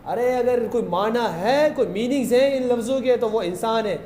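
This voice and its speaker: A male Urdu lecturer with a Pakistani accent explaining a poem to a class, reciting verses slowly and quizzing students with questions. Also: very high-pitched, darkish tone, a little hiss or hum.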